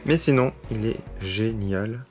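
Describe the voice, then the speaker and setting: A man's voice: lowish voice, measured pace, a little mellow, soft background music. A man with a French accent chatting enthusiastically while unboxing collectible figurines, with lots of fillers. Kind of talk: casual unboxing vlog.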